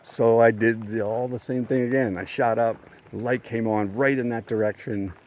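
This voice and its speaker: A steady, darkish mid-range voice at a moderate pace belongs to a thru-hiker vlogger on a mountain trail. Telling a story casually for his hiking vlog, he rambles, chuckles, and keeps stopping to restart and correct himself.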